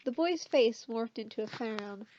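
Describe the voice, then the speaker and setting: A woman's voice: a little high, expressive, unhurried, dark tone, a little hiss or hum. A woman casually reading fanfiction aloud, chatty and stopping to question her own delivery. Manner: chatty, self-questioning, many fillers. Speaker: fanfiction reader. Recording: dull lo-fi sound.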